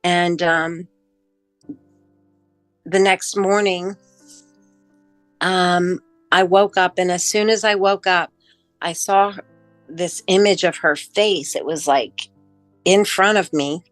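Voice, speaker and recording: A middle-aged woman telling her own near-death story in a personal testimony, emotional and halting, with pauses and fillers. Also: lowish voice, steady tone, no room sound, soft background music. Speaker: near-death experience witness.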